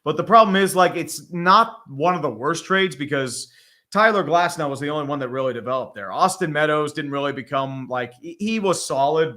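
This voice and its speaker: Co-hosting a casual live stream, a man with a sharp, rather high voice rambles about sports trades. His talk is blunt and full of profanity.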